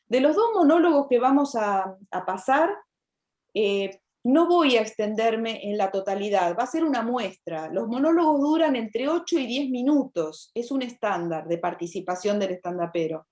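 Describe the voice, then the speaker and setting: Argentine lady teacher, slightly high voice, keeps asking "¿sí?". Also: animated, moderate pace, a little mellow. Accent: Argentine Spanish. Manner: explanatory, checks in with "¿sí?". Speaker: university literature teacher. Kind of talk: online class lecture.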